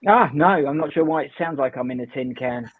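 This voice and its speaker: A man's voice: on the high side, fairly quick, dry recording. Man with a tinny tin-can voice. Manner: hesitant, with many fillers. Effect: tinny, metallic tin-can sound. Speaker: panelist. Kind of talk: video panel introduction. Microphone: video call. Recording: tinny, phone-like dry line.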